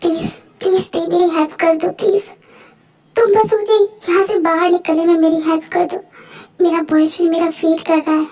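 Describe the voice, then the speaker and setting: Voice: very high voice, level tone, moderate pace, darkish tone. A dubber voicing a crying young bride who begs for help in a fan dub. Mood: desperate. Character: young woman bride, tearful and desperate.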